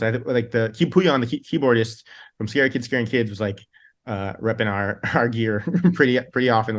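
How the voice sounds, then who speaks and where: Band singer dude rambling thru old tour stories, laughs a lot, keeps restarting. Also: male voice, medium pitch. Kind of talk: casual interview storytelling.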